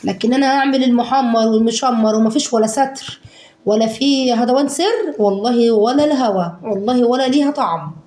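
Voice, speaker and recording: A woman with an Egyptian accent, hoarse from a cold, chatting fondly to her viewers about a budget week of home cooking. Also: fairly high pitch, a little fast, roomy sound. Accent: Egyptian Arabic. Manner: warm endearments to viewers, acts out their questions.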